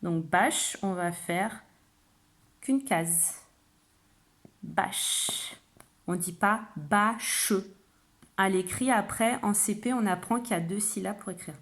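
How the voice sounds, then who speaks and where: Patient teacher stretching out words. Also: female voice, mid-range voice. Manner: patient, explains slowly, stretches out example words. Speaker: kindergarten teacher. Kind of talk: home-schooling phonics lesson for parents.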